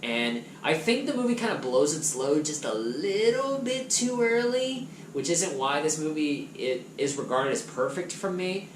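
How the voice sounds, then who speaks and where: A man chatting casually and enthusiastically as he reviews movies from his collection on a vlog, his loudness swinging up and down. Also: a little high, expressive, unhurried, hardly any pauses. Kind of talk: casual chat. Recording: echoey room with background noise.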